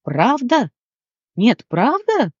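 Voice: mid-range voice, expressive, moderate pace, darkish tone, dry recording, close to an everyday voice. A reader voicing a restless, nosy young man who pesters the others with questions in a fantasy audiobook, recorded dry and somewhat dull. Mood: pestering. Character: impatient, nosy young man, brother figure. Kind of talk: audiobook character reading.

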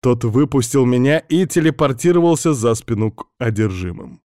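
A man reading a first-person story aloud in a steady, scripted audiobook narration. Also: mid-range voice, normal speed, dry recording, studio quality.

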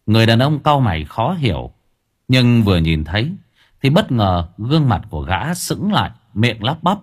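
A man narrating a dramatic audiobook in an expressive, animated way. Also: medium pitch, moderate pace, husky.

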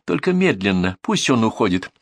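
A man voicing a stern male police investigator who gives curt, calm orders. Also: fairly low pitch, normal speed, no room sound. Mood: calm command.

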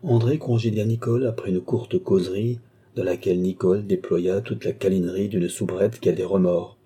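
Male audiobook reader, dark mellow tone, breathy, measured narration. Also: sits low. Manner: measured, even reading of a classic novel. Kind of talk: scripted narration.

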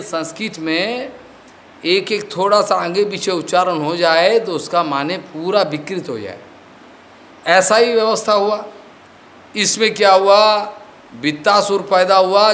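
A man with a rather high voice teaches as a spiritual teacher at an unhurried pace. He unfolds a devotional discourse through stories, mixing English words into his speech. He often stops to ask whether his listeners have understood. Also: fairly bright tone.

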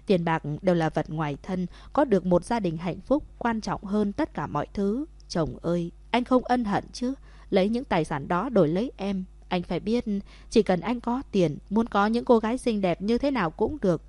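A woman's voice: expressive, normal speed, a little mellow, dry recording, natural voice. A woman voicing a young wife in a storybook, emotional and outspoken toward her husband. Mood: soft. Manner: emotional high calls. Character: young wife, frightened then scolding.

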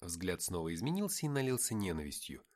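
A man's voice: sits low, very animated, fairly quick, darkish tone. A man narrating an action novel in the first person, reading expressively. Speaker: audiobook narrator.

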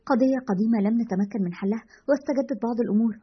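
A woman voicing a calm, businesslike male investigator who leads a team, in a dull lo-fi recording. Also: a little high, racing, slightly rough.

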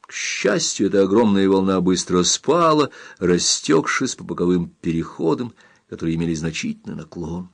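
A man reading an adventure novel aloud in a steady, measured narration. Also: low-pitched, gravelly. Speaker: audiobook narrator. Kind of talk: scripted narration.

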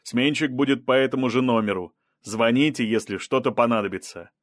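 A man's voice: mid-range voice, fairly quick, no echo, natural voice. A stern federal police officer, voiced by a male narrator in a near-plain voice, issuing curt orders. The reading is dry and close-miked. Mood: businesslike. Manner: commanding, curt.

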